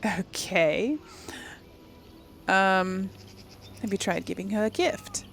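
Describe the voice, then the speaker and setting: A woman hosting a gaming video takes things slowly in a fairly bright, mid-range voice. During a casual game role-play, she muses aloud and playfully voices her own dialogue choices, over faint background noise.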